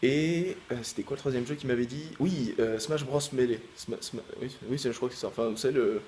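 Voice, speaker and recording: A man's voice: mid-range voice, fairly quick, a little mellow, slight background noise. Rambling French-speaking man with many fillers. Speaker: gaming YouTuber. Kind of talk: casual vlog chat.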